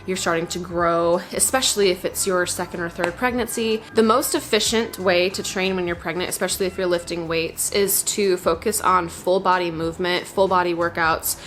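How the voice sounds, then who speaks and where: A heavily pregnant young woman, a fitness vlogger and workout demonstrator, chats to camera in her small indoor home garage gym, explaining things informally and saying "like" and "you know" a lot. Her fairly low, fairly bright voice has fairly even intonation, normal speed, and few pauses. The recording is rough with slight background noise.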